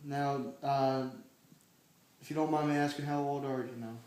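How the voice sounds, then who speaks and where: A man's voice: medium pitch, level tone, normal speed, darkish tone. A man interviewing his neighbor, asking questions hesitantly with fillers and restarts. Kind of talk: casual oral history interview. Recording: echoey room.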